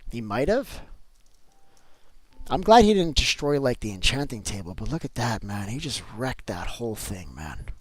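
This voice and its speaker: A man's voice: medium pitch, no room sound. Chatty man streaming a block game. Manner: chatty, answers viewer chat, swings between upbeat and grumbling. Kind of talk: live-stream chat while playing.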